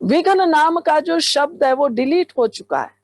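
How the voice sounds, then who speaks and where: A woman spiritual teacher guides a meditation in a fervent, exclamatory way, turning often to her listeners. Her voice sits high and she takes her time over every phrase. The recording is dry and close, with no room sound. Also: expressive, measured pace, no echo.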